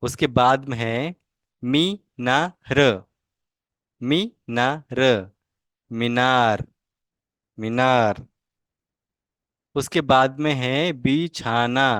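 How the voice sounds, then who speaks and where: A man with a Marathi accent leads a language lesson, dragging out each word at a very slow, patient crawl and saying it several times over. His voice sits at a middle pitch. It sounds dry and close, with no room echo at all. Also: a bit bright, smooth. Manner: slow, drawn-out repetition of each word for students to copy. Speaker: language teacher. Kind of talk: online language lesson, reading words aloud.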